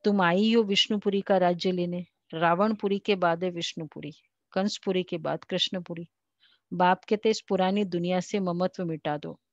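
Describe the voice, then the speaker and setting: An Indian woman giving a devotional class, slowly reading and explaining scripture, raising her voice when she quotes. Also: on the low side, steady tone, no echo, dull audio. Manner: slow, explanatory, quotes the Father in a raised voice. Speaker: spiritual teacher.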